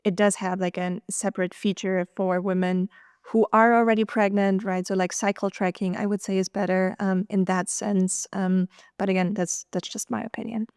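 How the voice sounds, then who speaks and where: A woman's voice: mid-range voice, level tone, moderate pace, a little mellow, clear, resonant tone, no echo, studio quality. A woman from Austria with a light Austrian accent, chatting as a podcast guest with lots of ums and restarts. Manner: chatty, many ums and restarts, laughs easily. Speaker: guest, nutritional scientist. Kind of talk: casual podcast conversation.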